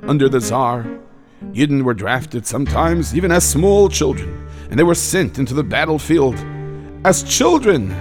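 An actor playing an elderly, warm rabbi grandfather who tells stories and teaches his grandchildren, mixing in Yiddish and Hebrew words. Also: medium pitch, big pitch swings, normal speed, over music, lightly acted. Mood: storytelling. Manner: gentle storytelling, sprinkled with Yiddish and Hebrew words. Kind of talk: audio drama for children.

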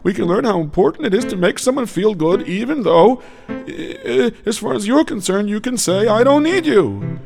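A man voices an old rabbi grandfather with a gravelly, high, lively voice, patiently telling a story to the children. It is a children's audio drama, and soft music runs underneath. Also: normal speed. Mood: teaching. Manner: gentle storytelling, sprinkled with Yiddish and Hebrew words. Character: elderly grandfatherly male rabbi, warm and teaching.

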